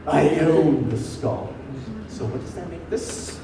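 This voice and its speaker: A young man acting a pompous, paranoid, excitable Trotsky in an amateur stage comedy, declaiming theatrically with sudden outbursts. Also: takes it slowly, gravelly, over a noisy crowd, exaggerated voice. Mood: smug. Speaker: actor. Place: indoor stage, recorded from far off. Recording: distant, echoey, noisy low-quality stage recording.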